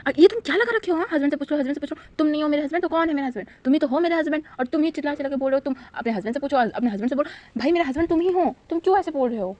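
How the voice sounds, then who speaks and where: Woman doing a chattering naive young husband. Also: natural voice. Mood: exasperated. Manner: high, loud, rapid questioning.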